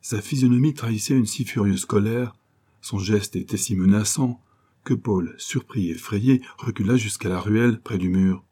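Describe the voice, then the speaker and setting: A man reads a classic novel aloud in a measured, even way. His voice is fairly low, and the tone is mellow and soft-edged. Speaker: audiobook reader. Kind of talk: scripted narration.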